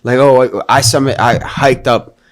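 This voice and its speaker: A man's voice: mid-range voice, steady tone, moderate pace. A man in a casual chat, recounting a hike in slangy, filler-heavy speech. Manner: slangy, filler-heavy, says "bro" and "you know". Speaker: hiker recounting a climb.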